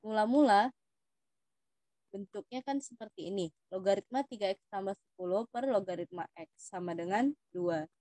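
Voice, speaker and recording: A woman's voice: mid-range voice, normal speed, dark tone, no room sound. A young woman with an Indonesian accent, patiently explaining math test questions to students as a tutor. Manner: patient, addresses students as "Dik".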